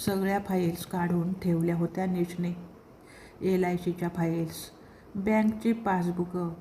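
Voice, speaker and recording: A woman narrating a written story in a measured, even storytelling manner. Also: fairly low pitch, a little hiss or hum.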